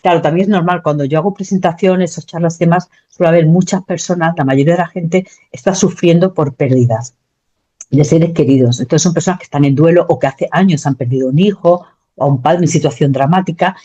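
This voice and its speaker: A woman's voice: low-pitched, fairly quick, husky. A woman, telling her story as an interview guest, talking animatedly with frequent restarts. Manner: animated, many restarts and repetitions. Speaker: guest recounting a near-death experience. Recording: dull lo-fi sound.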